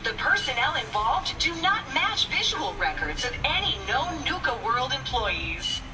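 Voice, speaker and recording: A woman voicing a cheerful female robot park guide with a metallic robotic filter, chattering in a sales-pitch patter broken by system errors. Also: sing-song, a little slow. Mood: chipper. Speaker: informational robot assistant. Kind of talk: video game dialogue. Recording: distant game audio over music.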